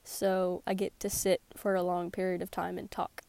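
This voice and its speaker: With a lowish, vocal-fry voice that barely moves in pitch, a teen girl talks at a moderate pace on her solo podcast. The recording is dry and mellow, made in a small closet, and despite her sore throat she's sarcastic, rambling and laughs frequently.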